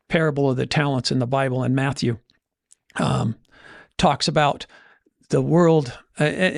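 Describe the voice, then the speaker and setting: With a medium-pitched, gravelly voice, a man hosts a podcast as a financial coach, talking about money conversationally and motivationally. He frequently voices imagined inner dialogue to drive points home. The audio is studio quality, with no room sound.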